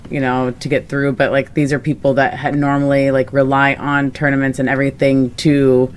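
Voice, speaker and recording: Low-voiced chatty young woman. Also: level tone, moderate pace, clear, resonant tone. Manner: rambling, laughs often, trails off with fillers. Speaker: podcast co-host. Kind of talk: casual chat.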